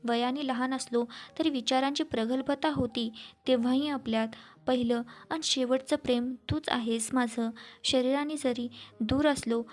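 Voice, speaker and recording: A woman's voice: high voice, fairly even intonation, moderate pace, darkish tone, close to an everyday voice. A woman voicing a married woman who speaks in a wistful, confiding way in a storybook reading. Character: married woman recalling first love, wistful.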